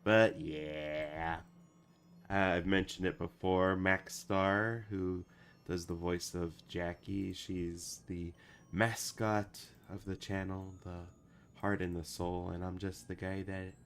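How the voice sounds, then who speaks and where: Still getting over a week of being sick, this animator and channel producer talks loosely on his stream, reading comments, wandering off topic, filling gaps, and starting sentences over. He speaks slowly in a low voice with a level tone, and there's a little hiss or hum.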